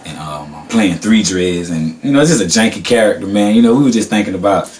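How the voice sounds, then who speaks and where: A man's voice: fairly low pitch, quick pace, darkish tone, distant mic, a little hiss or hum. A man who raps, giving a casual, laid-back interview with a Southern US accent and many repeated filler phrases. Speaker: rapper.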